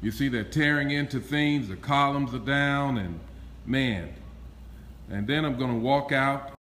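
This middle-aged man's voice is mid-range and a bit bright, unhurried, with a little hiss or hum on the recording. He walks through a church building site inside and outside, holding his phone camera and chatting cheerfully with plenty of fillers.

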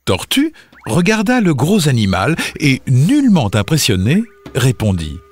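A man narrating a children's fable, expressive and dramatic. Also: mid-range voice, measured pace. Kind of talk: scripted storybook narration.

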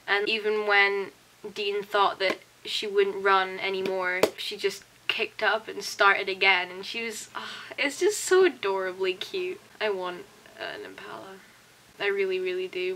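A woman's voice: mid-range voice, bright, forceful tone, a little hiss or hum, rough recording. Tired young woman rambling to a webcam. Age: young adult. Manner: rambling, chatty, sleepy and self-deprecating, with frequent "like". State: tired, a bit wheezy and coughy. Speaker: vlogger. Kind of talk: casual diary vlog. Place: bedroom at night. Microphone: webcam close to the face.

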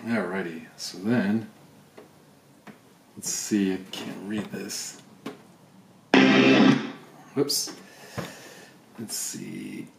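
Slow-talking man musing aloud. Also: deep voice, big pitch swings, gravelly, loud music behind the voice. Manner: musing, wry asides, thinks aloud. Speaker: video creator unboxing items. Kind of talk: casual unboxing commentary. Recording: roomy echo, faint background noise.

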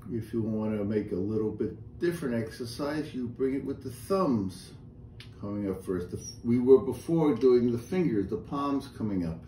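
A middle-aged man leading a seated exercise class, giving calm step-by-step cues and breathing counts, recorded by a camera a few feet away in a small room. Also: medium pitch, normal speed. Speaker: fitness instructor. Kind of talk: guided chair exercise class. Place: small indoor room with a painted wall. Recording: roomy echo, faint room noise.

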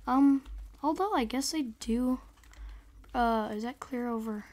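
A young woman with a hoarse, squeaky voice that breaks into a whispery rasp, giving excitable, chatty, casual commentary on a game. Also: unhurried. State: hoarse, losing voice. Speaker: gaming video host.

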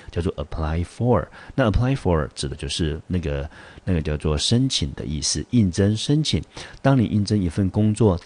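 A man with a very low, deep voice teaches English vocabulary. He goes through each word slowly and patiently, stopping often on fillers and saying phrases again. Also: darkish tone. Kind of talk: vocabulary lesson.

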